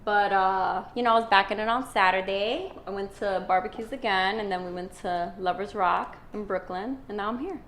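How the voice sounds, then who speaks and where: A woman's voice: mid-range voice, moderate pace, few pauses, a bit bright, a little hiss or hum. A woman guest on a podcast, chatting casually about her weekend. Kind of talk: casual chat.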